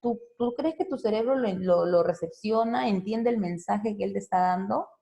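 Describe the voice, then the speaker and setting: Gravelly woman psychologist. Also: mid-range voice, normal speed, dark tone. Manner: conversational, frequent tag questions; explains step by step with examples. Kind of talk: informal talk for parents.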